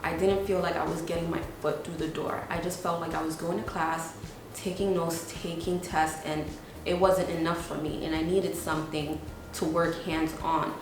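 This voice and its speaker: A woman's voice: deep voice, background noise. A woman, telling the story of founding her business in a casual, chatty documentary interview with frequent "like" and "you know". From New York, USA. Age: 20s. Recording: very echoey room.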